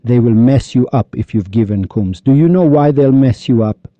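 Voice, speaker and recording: A man's voice: medium pitch, no echo. An upset man from Iran delivers a heated religious monologue, scolding and hurling rhetorical questions. The audio is dry and muffled, like a lo-fi recording. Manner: scolding, insulting, rapid-fire rhetorical questions. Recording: dull lo-fi recording.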